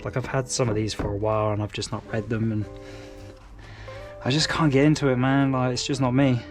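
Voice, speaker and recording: A man's voice: medium pitch, little pitch movement, a little fast, faint music behind. Laid-back English man rambling casually. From England. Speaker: manga collector vlogger. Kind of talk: casual chat.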